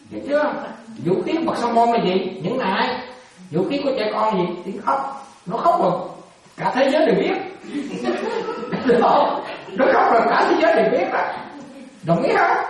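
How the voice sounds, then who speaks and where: A man's voice: high-pitched, heavy reverb, far from the mic, poor audio. A man, a monk, gives a dharma talk and keeps asking his listeners questions, teasing them and laughing often. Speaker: monk teaching.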